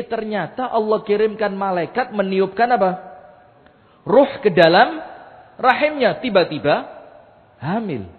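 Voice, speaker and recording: A man delivers an unhurried sermon, bantering with the congregation and chanting Arabic verses. His voice sits somewhat high. It sounds tinny and phone-like, and the reverb of a large hall trails behind each phrase. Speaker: preacher. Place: mosque hall.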